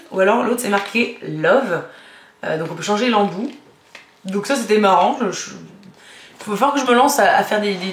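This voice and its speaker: A woman's voice: medium pitch, fairly bright tone. Chatty giggly young woman vlogger. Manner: chatty, giggly, rambling with many fillers. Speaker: beauty vlogger. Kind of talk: casual haul chat. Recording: echoey room with faint noise.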